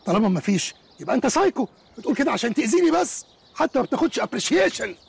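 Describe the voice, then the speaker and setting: Touchy Egyptian sitcom guy who drops English words, pitched high and quick. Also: big pitch swings, gravelly, husky, heavily acted. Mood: offended. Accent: Egyptian Arabic. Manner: indignant, whiny, takes offense easily. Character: fussy, touchy man who sprinkles English words into his talk. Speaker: sitcom character. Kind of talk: TV sitcom acting.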